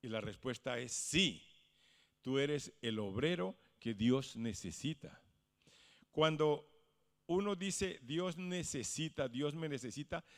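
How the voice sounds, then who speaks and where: A male pastor preaching a sermon, swinging from hushed lines to loud exclamations. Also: a little high, in a large hall. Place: church.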